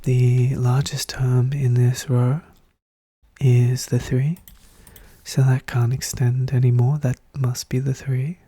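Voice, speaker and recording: Hushed, breathy ASMR voice, very dark and soft. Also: mid-range voice, takes it slowly, dry recording. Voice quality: hushed, soft-spoken, often whispering. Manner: calm, methodical, thinking aloud. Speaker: puzzle solver narrating own play. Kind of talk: soft-spoken ASMR puzzle walkthrough.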